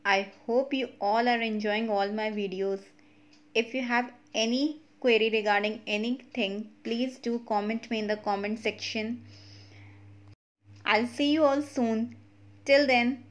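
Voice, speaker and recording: Indian english lady teaching french, high voice, goes slow, keeps asking okay?. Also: fairly even intonation. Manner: slow, explains step by step, checks with "okay?". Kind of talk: online language lesson.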